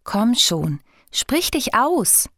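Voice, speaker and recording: A woman's voice: on the low side, very animated, takes it slowly, no room sound, studio quality, heavily acted. A woman voicing a kind, curious star fairy who talks in a friendly, coaxing way.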